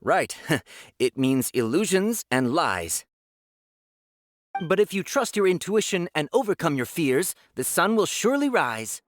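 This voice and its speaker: A woman voicing a musing, modest fortune reader in a video game, halting and cryptic in manner. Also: low-pitched, very animated, no room sound. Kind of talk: video game character acting.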